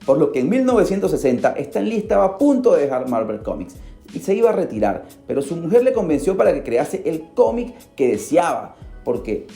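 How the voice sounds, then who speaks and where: A Peruvian man hosting a radio podcast recounts a story theatrically, speaking straight to the listener with big pitch swings for emphasis. His voice is a little fast, creaky and mellow, recorded on a studio microphone with reverb and soft background music.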